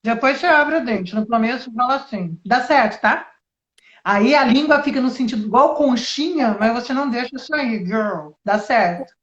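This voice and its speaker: High-voiced woman teacher, echoey. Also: moderate pace. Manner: lively, explains with spoken examples. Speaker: English teacher. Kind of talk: relaxed interview chat. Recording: echoey, dull lo-fi sound.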